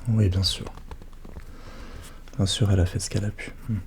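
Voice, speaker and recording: A man doing a soft-spoken, ASMR role-play as a psychologist, questioning gently and attentively in a hushed voice that drifts into speaks softly. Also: fairly low pitch, flat delivery, normal speed, noisy background. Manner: gentle, attentive questioning with short murmured acknowledgements.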